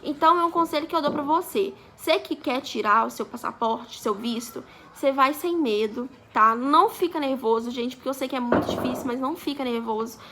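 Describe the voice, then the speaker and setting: A woman's voice: high-pitched, fairly quick, few pauses, background noise. A young woman in her twenties from Brazil, chatting through a story for her vlog and acting out the dialogue. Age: 20s. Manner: chatty, acts out quoted dialogue. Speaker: vlogger.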